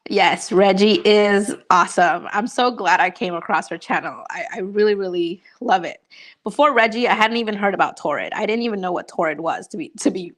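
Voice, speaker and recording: Speaking briskly in a mid-range, somewhat bright voice, a young woman from Honduras hangs out with viewers on a casual livestream. She takes their questions upbeat, filling her talk with fillers.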